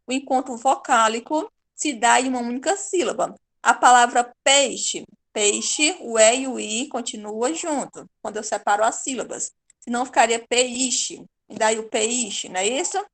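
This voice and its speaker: A middle-aged woman with a Brazilian accent teaching a grammar lesson, patiently repeating words slowly to show how syllables split. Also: a little high, a bit bright. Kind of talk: online Portuguese grammar lesson.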